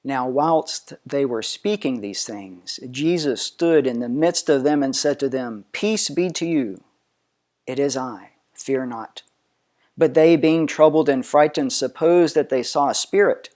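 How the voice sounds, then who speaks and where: A man reading scripture aloud in a solemn, measured way, declaiming it with emphasis. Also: mid-range voice, darkish tone. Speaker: reader of scripture.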